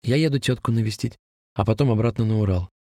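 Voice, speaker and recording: A man's voice: fairly low pitch, quick pace, dark tone, dry recording, clean studio sound, natural voice. A man voicing a fervent, feverish young ex-soldier who talks earnestly about a plague and hope.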